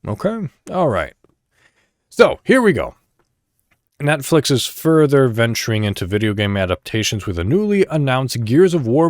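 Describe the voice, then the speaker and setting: Casual and conversational, a man with a mid-range voice rambles somewhat through his solo podcast and reads articles aloud. The sound is clean studio audio with no room sound.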